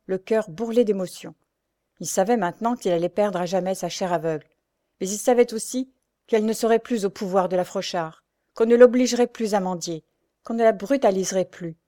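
A woman narrating a classic novel for an audiobook. Her reading is measured and expressive, and her voice sits at a middling pitch.

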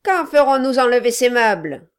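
A woman reading aloud voicing a scheming male dwarf who talks loudly and insistently with false friendliness. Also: fairly high pitch, big pitch swings, moderate pace, smooth, voice pushed up. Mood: pushy.

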